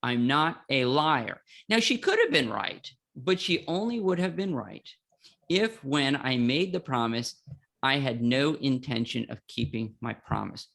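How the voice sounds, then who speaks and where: Casting: middle-aged man, gravelly voice, playful law teacher on a podcast. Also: medium pitch, expressive, a little slow, a bit bright. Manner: playful, self-mocking, explanatory. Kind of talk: casual explanatory chat.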